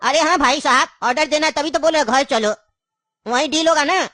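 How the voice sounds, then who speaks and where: A woman's voice: high-pitched, moderate pace, very noisy, natural voice. A woman voicing an elderly grandfather in a cartoon, cunning and grieving, with an insistent, coaxing way of talking. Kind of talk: cartoon voice acting.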